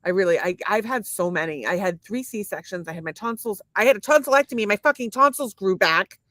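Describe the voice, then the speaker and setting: A woman's voice: medium pitch, expressive, a little fast, a bit bright, no echo. A woman in her forties co-hosting a casual podcast, rambling through lists with many fillers and swearing freely. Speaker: podcast co-host. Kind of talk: casual chat.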